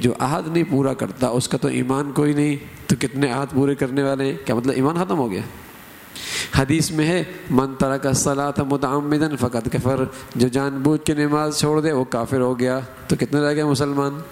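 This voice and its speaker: A man's voice: mid-range voice, gravelly. A middle-aged man preaching a sermon, emphatic, lifting his voice to act out quoted phrases and examples. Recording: hall with long reverb.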